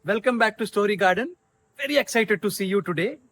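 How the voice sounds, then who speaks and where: A man's voice: sits high, animated, a little fast, a bit bright. A man with an Indian accent hosting a conversational interview show. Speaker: show host.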